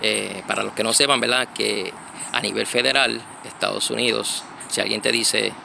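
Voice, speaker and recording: A man from Connecticut, giving a casual spoken church reflection, halting and full of fillers and restarts, recorded outdoors. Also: lowish voice, steady tone, creaky, noisy background. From United States (Connecticut).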